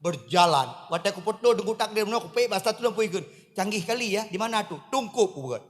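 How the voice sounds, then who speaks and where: A man from Aceh preaching a humorous sermon to a crowd in a mosque courtyard, speaking with an Acehnese accent and swinging between low asides and loud emphatic calls. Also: lively intonation, a little fast, in a large hall, a little hiss or hum. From Aceh, Indonesia.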